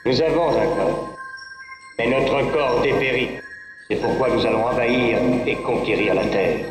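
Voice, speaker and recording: A cold, domineering alien invader with no body, only a disembodied voice. He speaks in a solemn, commanding tone at a middling pitch, ringing with roomy echo. Loud electronic music fills the cartoon scene behind him. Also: a little slow. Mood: cold menace. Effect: disembodied echoing voice.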